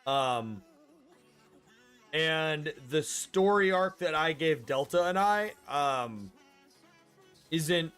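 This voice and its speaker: A man's voice: a little high, lively intonation, extremely slow, pauses often, fairly bright tone, clear, resonant tone, faint music behind. A man in his thirties hosting a casual game stream, chatty and explaining rules at length. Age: 30s.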